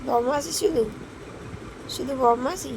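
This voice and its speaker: Hoarse high-voiced mom with a cough, slow sing-song baby talk, playful scolding. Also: female voice, noisy background. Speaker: mother talking to her baby son.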